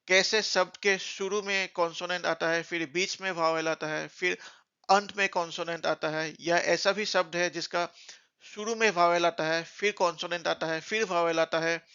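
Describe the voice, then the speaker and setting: A man teaching beginner English in a lesson, speaking slowly and spelling words out letter by letter. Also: high voice, pushed and bright, smooth, lo-fi sound.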